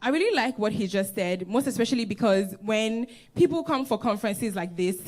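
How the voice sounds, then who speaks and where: Brief: female co-host, mid-pitched, earnest and motivating to the crowd. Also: expressive, a little fast, a little mellow. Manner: earnest and motivating, direct to audience. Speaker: conference co-host. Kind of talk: stage hosting, encouraging address. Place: conference stage before an audience.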